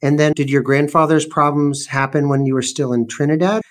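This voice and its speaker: A man's voice: fairly high pitch, fairly even intonation, a little fast. A man hosting an interview, asking questions in an encouraging, admiring way. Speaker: podcast host.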